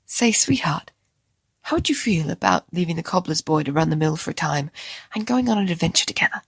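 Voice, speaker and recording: Narrator voicing an old father, gravelly, loud, excited, higher pitched. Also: a little fast, no echo, full character voice. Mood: eager. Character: frail older father, overjoyed and warm.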